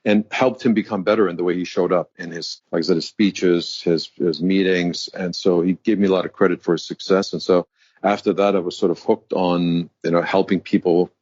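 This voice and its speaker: Speaking as a guest in an interview, this executive coach from Germany, in his fifties, recounts his story articulately and reflectively. His voice sits low and is a little mellow, with a steady tone and a brisk pace. The recording is dull and dry.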